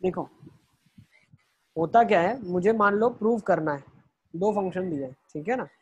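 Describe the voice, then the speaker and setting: Husky-voiced male math teacher. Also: high voice, moderate pace, dull audio. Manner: explains step by step, asking and answering rhetorical questions; mixes in English phrases while teaching. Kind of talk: online math lecture.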